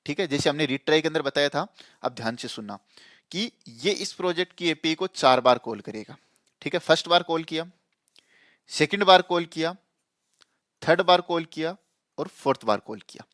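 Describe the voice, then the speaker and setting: Animated and on the high side, a man teaches programming casually at normal speed, repeating himself and checking often that his audience follows. His tone is fairly bright, and the studio-quality audio has no echo.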